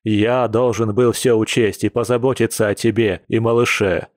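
A man voicing a hot-tempered, protective bear shapeshifter, gruff and intense, in an audiobook. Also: fairly even intonation, normal speed, a little mellow, no echo, clean studio sound, close to an everyday voice. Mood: furious. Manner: gruff, intense, with low hissed anger. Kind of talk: audiobook character reading.

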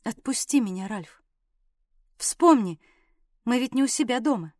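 A woman's voice: sits high, animated, moderate pace, no room sound, studio quality. A woman voicing a timid, frightened young wife. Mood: timid pleading. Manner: quiet, pleading and subdued.

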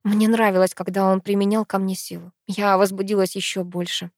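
A woman reading a first-person romance audiobook with intimate, expressive narration. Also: medium pitch, brisk, no room sound, studio quality.

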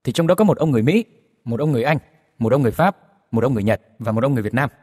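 A man telling a joke at a brisk clip, with fillers. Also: medium pitch, animated, a little mellow, slightly rough, long reverb tail. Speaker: joke teller. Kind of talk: telling jokes.

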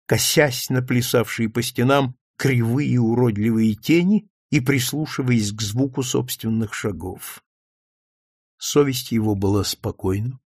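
Gravelly male audiobook narrator. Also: medium pitch, darkish tone, dry recording, clean studio sound. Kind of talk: scripted narration.

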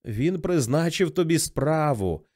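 A frail old mother after a stroke speaks high and slow, hoarse and halting as she pleads with her son, as a male reader puts her on. Her pitch climbs and falls with feeling in this audiobook reading. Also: lively intonation, darkish tone. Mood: fervent.

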